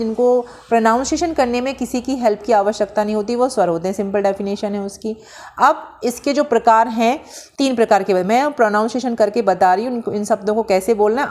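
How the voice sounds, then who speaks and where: A woman with a fairly high, somewhat dark voice teaches a Sanskrit grammar lesson from handwritten notes. She explains slowly in Hindi sprinkled with English terms, poses questions and answers them herself, and stretches out vowel sounds when demonstrating them.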